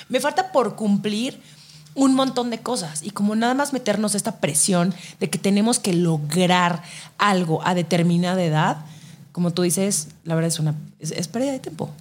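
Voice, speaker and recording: A woman's voice: a little high, husky. A Mexican woman in her thirties hosting a podcast, talking candidly in a casual, slangy, reflective way. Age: 30s. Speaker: podcast host. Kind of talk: casual conversation.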